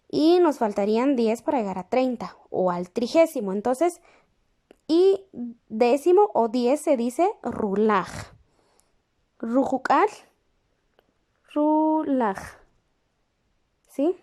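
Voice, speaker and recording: A woman teaches with a high, mellow voice and an unhurried pace. She repeats each word carefully and keeps stopping to check that her students are following. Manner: patient, repeats each word slowly for copying; checks in with the class through questions. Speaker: language teacher. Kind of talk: slow classroom lesson, writing while explaining.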